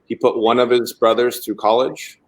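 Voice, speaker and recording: A man with a middle-pitched voice walks through how his wine is made, technical but easygoing. He speaks over a video call, unhurried and detailed. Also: flat delivery. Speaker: winemaker guest. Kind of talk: explaining winemaking on a video call.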